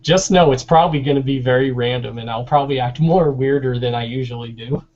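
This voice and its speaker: This man has a medium-pitched, darkish voice and talks fast. He's giving his views in an informal, casual chat over an online video hangout, and the call sounds dull.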